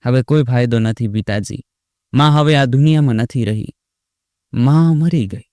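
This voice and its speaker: A man's voice: a little high, animated, normal speed, dry recording, clean studio sound, close to an everyday voice. A man voicing a callous grown son who talks in a cold, sarcastic tone.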